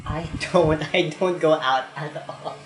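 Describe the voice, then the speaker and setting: A woman's voice: low voice, a little slow. A woman with a Filipino accent chatting casually as a podcast co-host. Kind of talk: casual chat. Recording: roomy echo, very loud music behind.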